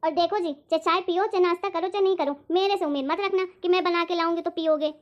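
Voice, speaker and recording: A woman acts out a sharp-tongued mother-in-law who nags in a very high, piercing voice and rattles her complaints off at speed. Her scolding never lets up, and the lo-fi audio sounds dull and muffled. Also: fairly even intonation, fast. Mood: angry. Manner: nagging, shrill complaining. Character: scolding middle-aged mother-in-law, quick-tempered. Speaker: comedy sketch actor. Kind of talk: scripted family comedy sketch.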